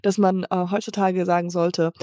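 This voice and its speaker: A woman's voice: on the low side, level tone, moderate pace, mellow, dry recording, clean studio sound. A woman co-hosting a podcast, chatting casually, laughing often and mixing English phrases into her talk. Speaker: podcast co-host. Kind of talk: casual chat.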